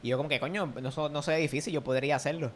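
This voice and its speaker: Young man, Puerto Rican Spanish accent, somewhat high pitch, casual chat, joking, explains things. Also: fairly even intonation, rapid-fire. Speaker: podcast co-host.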